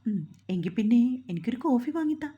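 A woman's voice: on the high side, expressive, quick pace, dark tone, breathy edge, muffled recording. A woman storyteller voicing a playful young wife who teases and coaxes her husband. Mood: coaxing. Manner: coaxing, pleading, playful.

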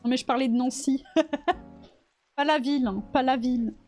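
A woman's voice: sits high, measured pace, darkish tone, soft background music. A woman live streamer chatting casually with her chat while she models in 3D, laughing often.

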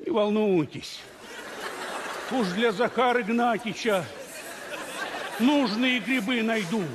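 An actor on a comedy stage playing a sly man who talks slowly with a chuckle. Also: sits high, a crowd in the background, background noise. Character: sly man charming a woman mushroom-picker.

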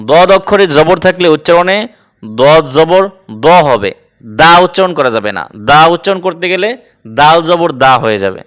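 Guy teaching quran pronunciation, slow and careful, repeats sounds, smooth clear voice, dry close mic. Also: fairly high pitch, no echo. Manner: slow, deliberate, repeats letter sounds to demonstrate. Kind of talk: instructional explanation.

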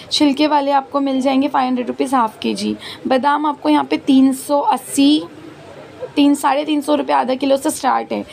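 A woman's voice: sits high, gravelly, a little mellow. A woman, chatting and listing prices as she walks a busy outdoor street market, filming on a phone. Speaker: market vlogger. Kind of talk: walking market tour vlog. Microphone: handheld phone camera. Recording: street noise in background. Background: street market ambience.

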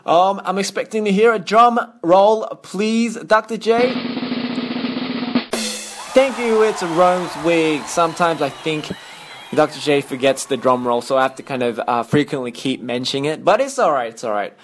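A man's voice: fairly high pitch, normal speed, noisy background. A young man from Australia with an Australian accent, hosting a casual radio show in a chatty, upbeat way with playful sound effects on a studio microphone. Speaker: radio host.

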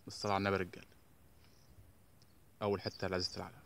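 A man with an Egyptian accent giving excited live commentary as he fishes outdoors, talking straight to his viewers and muttering blessings under his breath. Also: low voice, gravelly. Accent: Egyptian Arabic. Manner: brisk, excited, addresses viewers directly, mutters repeated blessings. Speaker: fishing vlogger.

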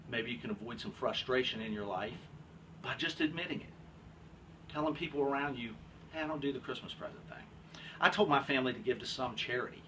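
A man's voice: medium pitch, distant mic, noisy background. A man ranting bluntly in a casual vlog, grumbling and swearing freely as he complains. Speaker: vlogger.

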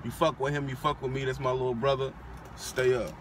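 A man's voice: mid-range voice, little pitch movement, a little fast. A young man chatting casually in a parked car, laid-back and boastful, with plenty of slang and swearing. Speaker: vlogger, aspiring trucker. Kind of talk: casual chat. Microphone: phone camera on the dashboard. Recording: outdoor traffic noise in a car.

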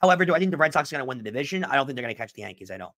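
Bright-voiced animated sports podcast man. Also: medium pitch, racing. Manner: animated, emphatic, repeats points. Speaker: podcast host.

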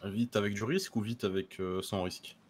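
A man's voice: fairly low pitch, steady tone, brisk, darkish tone, lightly acted. A man playing a helpful, patient townsman in a western roleplay, hesitant and full of fillers. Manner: hesitant, many 'euh' fillers. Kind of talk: in-character roleplay.

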